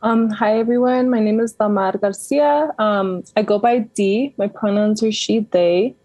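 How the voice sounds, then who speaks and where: Woman in her 20s from denver, mellow soft voice, lots of ums, dry sound. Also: mid-range voice, a little slow, no echo. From Denver, USA. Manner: soft-spoken, hesitant ums. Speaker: community organizer. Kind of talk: radio interview.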